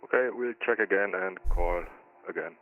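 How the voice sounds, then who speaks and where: Deep-voiced pilot over headset radio. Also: male voice, moderate pace, soft background music. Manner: brief radio phraseology. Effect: pilot voice over a cockpit headset radio. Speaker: pilot on a flight sim network. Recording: tinny radio channel.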